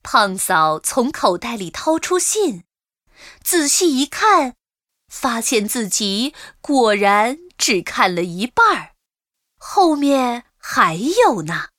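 Children's story narrator, woman; high, lively melody, slow and gentle. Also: dry recording, studio quality. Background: children's music.

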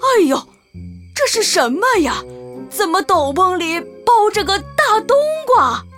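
A very high, bouncy voice for a scatterbrained young mother, put on by a woman in a children's storybook. She exclaims and sighs at everything in an unhurried, bright tone. Soft children's music plays underneath. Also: very animated, exaggerated voice. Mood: alarmed. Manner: exclaiming, fretful, lots of sighs. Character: careless flustered young mother, Pangsao.

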